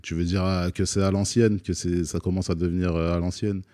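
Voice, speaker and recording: A man's voice: deep voice, little pitch movement, fairly quick, warm tone, dry recording, clean studio sound. A man in his thirties, a rapper answering questions on a live stream, hesitant with lots of fillers and restarts, joking now and then. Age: 30s. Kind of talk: relaxed live Q&A chat. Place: studio set.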